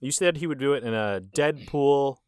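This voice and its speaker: A man's voice: medium pitch, normal speed, darkish tone, smooth, no room sound. A man hosting a casual movie podcast, quizzing his co-host and scoring answers with dry wit.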